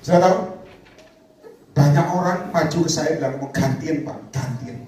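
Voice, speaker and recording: A man's voice: fairly high pitch, normal speed, soft background music. A man preaching a sermon to a congregation, calling out for responses. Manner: animated, calls out to the congregation for responses. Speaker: evangelist preacher. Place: church prayer meeting hall. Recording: echoey hall, distant mic, faint noise.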